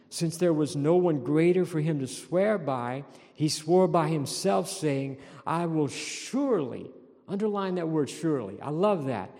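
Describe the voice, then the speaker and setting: A man's voice: a little high, dark tone, in a large hall. A man preaching a sermon as pastor, earnest and repeating key phrases for emphasis. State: throat tickle, clearing throat.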